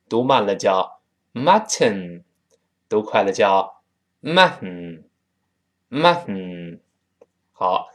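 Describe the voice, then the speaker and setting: A man from Tianjin with a Tianjin accent, teaching spoken English in a chatty style and drawing out words slowly to demonstrate them. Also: medium pitch. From Tianjin, China. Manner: drawn-out slow demonstrations of words; lively and chatty.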